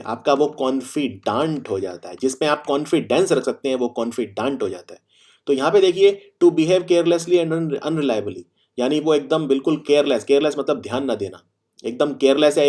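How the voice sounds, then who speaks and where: A man's voice: mid-range voice, a little mellow. Man teaching vocabulary in Hindi. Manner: explains with everyday examples, repeats key phrases; reads English example sentences slowly and deliberately. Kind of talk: Hindi-English vocabulary lesson.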